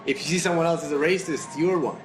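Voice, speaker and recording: A man's voice: on the high side, quick pace, music in the background. A man speaking as a guest in a casual conversation, earnest and philosophical with slightly broken grammar. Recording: roomy and noisy.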